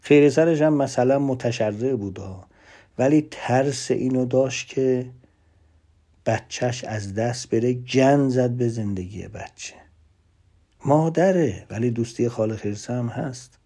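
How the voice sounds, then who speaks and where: A man giving a lively motivational talk, emphatic, swinging between loud asides and hushed whispered lines. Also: mid-range voice. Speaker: motivational speaker.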